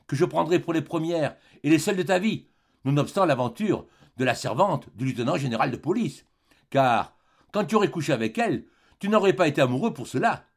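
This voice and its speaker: A man reading a classic novel aloud as an audiobook, giving the characters different voices. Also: a little high. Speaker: audiobook reader.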